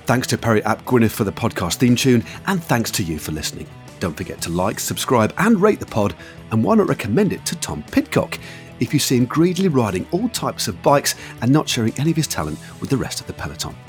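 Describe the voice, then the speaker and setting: A man's voice: mid-range voice, sing-song, fast talker, soft background music. A middle-aged British man hosting a casual interview, chatty, matey and effusive with his enthusiasm. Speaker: podcast host.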